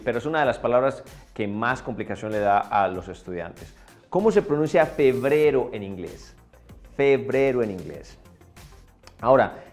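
A man teaching English pronunciation, repeating each word slowly in drills. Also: medium pitch. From Colombia. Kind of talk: pronunciation lesson.

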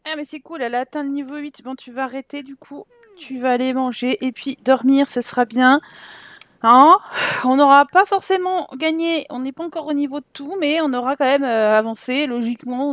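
A woman commenting on her life-sim game playthrough in a chatty, animated way, laughing often and exclaiming at what happens on screen. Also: sits high, dry recording. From France. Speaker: gaming YouTuber. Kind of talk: Let's Play commentary.

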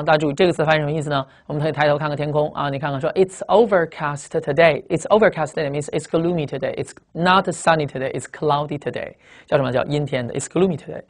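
Rapid-fire man teaching vocabulary. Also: on the high side, fairly bright tone. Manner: rapid, repetitive explaining with frequent tag questions. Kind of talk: fast recorded vocabulary lecture.

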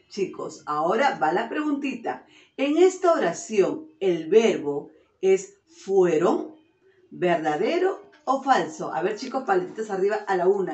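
A woman primary teacher giving a virtual lesson to young children, fondly calling them her loves and drawing out each example sentence slowly. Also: mid-range voice, darkish tone. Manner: affectionate, calls children "mis amores"; slow, drawn-out sentences for dictation. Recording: roomy, dull lo-fi sound.

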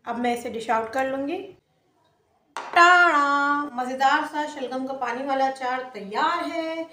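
Cooking host, woman, high voice, step-by-step recipe narration in an echoey home kitchen. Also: takes it slowly, bright, forceful tone. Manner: plain, explains each step as she works.

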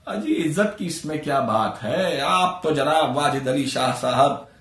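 A man's voice: a little high, expressive, a little slow, fairly bright tone. A man voicing a smug male police inspector who teases with sarcastic politeness, in an echoey room. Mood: mocking. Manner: smiling, teasing, sarcastic.

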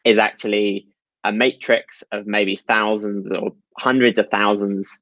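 A man's voice: fairly low pitch, flat delivery, unhurried, fairly bright tone, dry recording, lo-fi sound. A man giving a technical talk over slides at an online meetup, explaining step by step with frequent ums and uhs. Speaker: meetup presenter.

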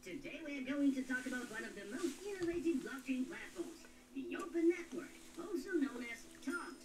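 A woman voicing a cheerful cartoon hamster who explains things in an upbeat, chatty teacher's manner, in an animated explainer clip. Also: high-pitched, normal speed, over music. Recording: roomy and distant.

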